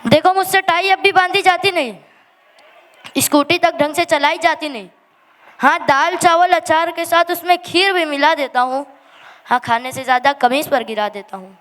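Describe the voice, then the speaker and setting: On a school annual day stage, a performer with a high, fairly bright female voice recites a dramatic poetic monologue. Her delivery is emotional, plaintive and emphatic, with drawn-out refrains ringing through the hall in long reverb.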